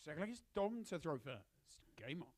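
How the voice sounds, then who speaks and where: A man calls darts scores as the match referee, in a high voice that swoops widely. His delivery is formal and emphatic, with slowly drawn-out announcements, and the sound is dry and close. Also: very animated, a little mellow, no room sound.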